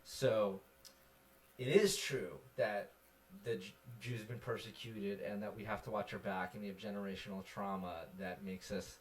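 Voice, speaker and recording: A man co-hosting a casual chat stream, talking in an animated, rambling way with many fillers. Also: fairly low pitch, moderate pace. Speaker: podcast co-host.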